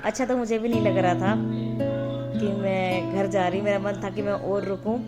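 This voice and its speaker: A woman's voice: mid-range voice, level tone, moderate pace. A woman in her thirties narrating her own vlog in a chatty, sentimental, storytelling way. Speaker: vlogger. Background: loud guitar music.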